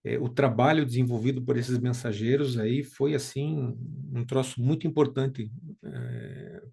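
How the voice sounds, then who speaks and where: Gravelly Brazilian man teaching, hesitant. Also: mid-range voice, expressive, a little slow, warm tone. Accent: Brazilian Portuguese. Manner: hesitant, many fillers and restarts. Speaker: study group teacher. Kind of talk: informal spoken lesson.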